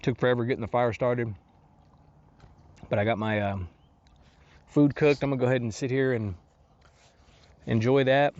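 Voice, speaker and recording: A man's voice: mid-range voice, moderate pace, pauses often, muffled recording. Laid-back man rambling at a campsite. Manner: relaxed, rambling, many fillers and restarts. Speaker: outdoor vlogger. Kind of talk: casual camping vlog narration. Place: outdoors at a lakeside campsite.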